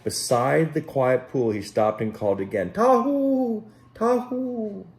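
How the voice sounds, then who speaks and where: Gently and unhurriedly, a man with a mid-range voice reads a Bible story to children, breaking off at times to address them directly in his role as Sunday school teacher.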